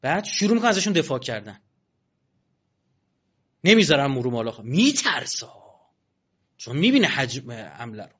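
Animated man preaching, lo-fi sound. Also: mid-range voice, pauses often. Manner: colloquial, animated, mocking asides. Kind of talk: religious sermon. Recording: dull lo-fi recording.

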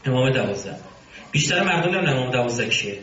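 A man's voice: medium pitch, very animated, bright, forceful tone. A male religious commentator who gives an argumentative lecture, breaking off now and then into mocking asides. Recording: roomy, distant, dull sound.

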